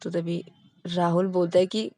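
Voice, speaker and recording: A woman's voice: on the low side, little pitch movement, a little slow, warm tone, no echo. Brief: woman storyteller, easygoing episode narration, dry close recording. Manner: plain, repetitive linking words.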